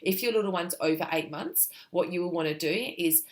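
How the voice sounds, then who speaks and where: A woman's voice: fairly low pitch, a little fast. Reassuring woman giving parenting advice. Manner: relaxed, reassuring, checks in with "okay?" and "right?". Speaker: parenting sleep consultant. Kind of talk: talking-to-camera advice video.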